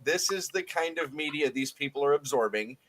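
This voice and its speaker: A man's voice: fairly high pitch, lively intonation, normal speed, a bit bright. A man co-hosting a heated political talk show, rambling and swearing, repeating words as he goes. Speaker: co-host. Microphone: call line cutting in and out.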